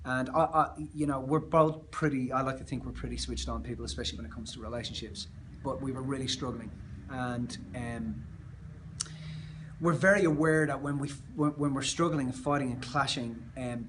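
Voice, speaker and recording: An Australian man speaking as a motivational speaker, telling a personal story in an earnest, emphatic way that often trails off softer. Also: mid-range voice, noisy background.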